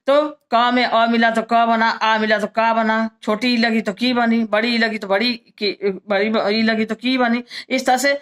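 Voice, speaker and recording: Patient woman teaching grammar, higher voice. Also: little pitch movement, unhurried, few pauses, fairly bright tone. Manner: patient and repetitive, checks in with listeners. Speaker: Sanskrit teacher. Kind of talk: classroom grammar explanation.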